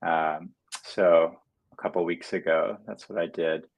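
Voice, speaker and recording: A man speaks as a musician guest in a livestream interview over a video call. His voice is very low. He talks softly and hesitantly, leaning on frequent fillers. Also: fairly even intonation, a little slow, poor audio. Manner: soft-spoken, hesitant with many fillers.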